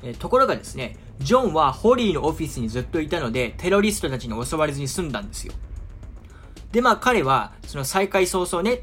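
A man's voice: a little high, a bit bright. A man talking casually to viewers as a film commentator, chatty and full of easygoing asides. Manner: chatty, often drawn-out asides and filler words. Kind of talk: casual explanatory talk to viewers.

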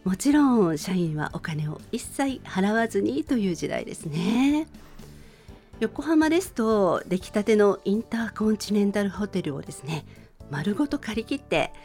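With music in the background, a middle-aged radio presenter introduces a song through a courteous, conversational monologue to her audience. Her medium-pitched voice moves at a moderate pace, a little mellow, with big pitch swings.

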